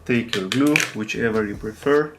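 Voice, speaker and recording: A non-native English speaker with a thick foreign accent hosts a hands-on repair tutorial, narrating in simple, halting phrases while he hunts for words. His voice is fairly low, and the background is noisy.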